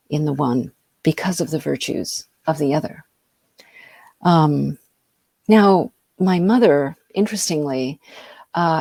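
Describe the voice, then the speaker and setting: A woman's voice: low-pitched, creaky, darkish tone, breathy edge, no room sound, clean studio sound. A middle-aged woman from the United States, giving an informal talk as an invited speaker, hesitant with many ums and uhs. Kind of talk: informal lecture over a video call.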